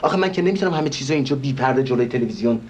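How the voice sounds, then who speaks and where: A man's voice: mid-range voice, animated, darkish tone, slight background noise, natural voice. A man playing a flustered, over-polite organizer. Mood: placating. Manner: formal, placating, stammering. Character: flustered, overly polite male show organizer. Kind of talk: stage comedy acting.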